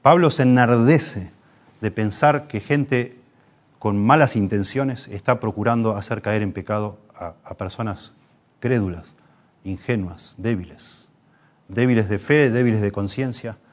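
A man's voice: lowish voice, a little slow. A man with a Rioplatense Spanish accent preaching a sermon, impassioned, pushing his voice up for emphasis and restarting phrases as he goes.

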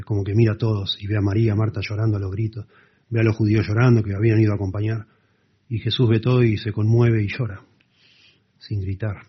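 Earnest low-voiced preacher, husky and muffled. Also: male voice. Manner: earnest, expository, drops to soft emphasis. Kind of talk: sermon. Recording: dull lo-fi sound.

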